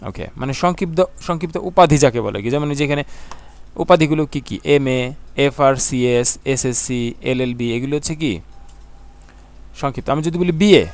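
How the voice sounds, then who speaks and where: A man explaining English grammar, reading example sentences slowly and answering his own questions. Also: medium pitch. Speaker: English teacher.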